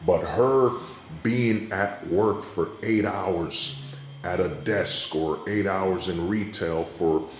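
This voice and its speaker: A man giving an unscripted, opinionated monologue in an emphatic way, often checking in with the listener, recorded in a hallway. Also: sits low. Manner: emphatic, repetitive rhetorical check-ins with the listener. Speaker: vlogger giving commentary. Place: indoors in a hallway. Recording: echoey hallway, faint background noise.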